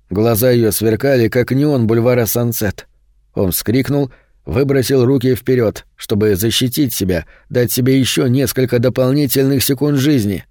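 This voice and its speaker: A man narrating a horror audiobook in a steady, measured way. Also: mid-range voice, dry recording, clean studio sound. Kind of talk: scripted narration.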